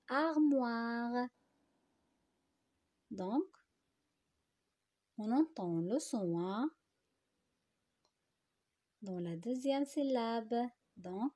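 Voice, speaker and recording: A woman teaching a phonics lesson to young children, speaking slowly and deliberately, repeating words and stretching them out syllable by syllable. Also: medium pitch, expressive, warm tone, husky. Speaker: primary school teacher.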